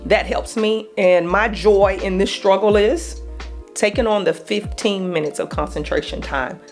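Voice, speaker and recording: A woman's voice: mid-range voice, a little slow, darkish tone, faint music behind. A woman coach hosting a casual talk, urging listeners on in an upbeat, exhorting way. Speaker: coach and podcast host. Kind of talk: casual encouraging chat.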